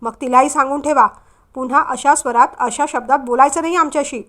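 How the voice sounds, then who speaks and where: A woman's voice: high-pitched, steady tone, a little fast. A woman voicing a stern, scolding elder brother. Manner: sharp, scolding.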